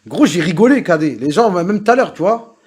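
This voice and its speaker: A male livestream host with a French suburban street accent. He talks very quickly in casual street slang full of oaths, and his fairly high voice has a husky grain. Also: animated, darkish tone. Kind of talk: casual livestream group chat.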